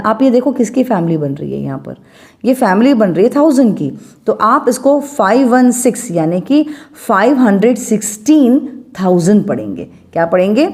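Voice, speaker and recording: A woman's voice: mid-range voice, darkish tone. A woman maths teacher with an Indian English accent, explaining step by step and checking with her students. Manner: patient, checks in with questions. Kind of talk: step-by-step lesson while writing.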